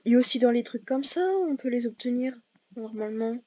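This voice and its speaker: A woman's voice: fairly high pitch, flat delivery, a little fast, warm tone, no room sound, dull audio. A woman giving casual, hesitant commentary over her gameplay, full of fillers and self-corrections. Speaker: gaming video creator.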